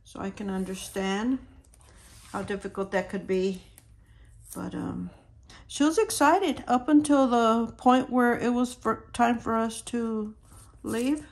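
Hoarse woman, slow, quiet near-whisper, gravelly, casual planner chat. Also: on the high side. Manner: quiet, near-whispered, talks while sorting stickers. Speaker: planner vlogger. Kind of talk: soft-spoken planner decorating chat.

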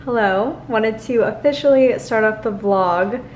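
A woman in her twenties chatting casually to camera in her apartment kitchen, relaxed and full of fillers, talking into a handheld camera. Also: on the high side, a little slow, a little hiss or hum. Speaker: lifestyle vlogger. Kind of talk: casual vlog chat. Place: modern apartment kitchen, indoors. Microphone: handheld camera filming in a mirror or at arm's length.

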